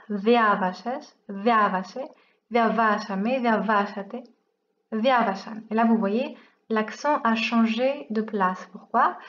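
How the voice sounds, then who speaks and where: A woman's voice: on the high side, highs cut off. A woman teaching a language lesson in a casual, chatty way, explaining step by step and asking herself rhetorical questions.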